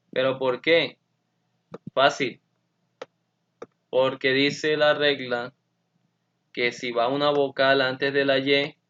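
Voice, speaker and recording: A man's voice: mid-range voice, fairly bright tone, slight background noise. A male English teacher explaining grammar to his students, switching between Spanish and English and spelling out each example step by step. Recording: dull lo-fi sound.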